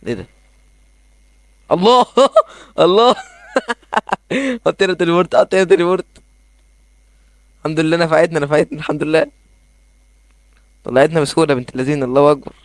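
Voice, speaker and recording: Fast-talking young Egyptian gamer man. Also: on the high side, dry recording. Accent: Egyptian Arabic. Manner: excitable, rambling, quick asides. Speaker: gaming YouTuber. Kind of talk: casual gameplay commentary. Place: his bedroom at home.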